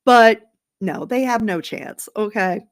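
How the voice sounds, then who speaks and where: Woman, podcast host, solo late-night sports chat, unhurried delivery, sarcastic, gossipy, rambling. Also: mid-range voice.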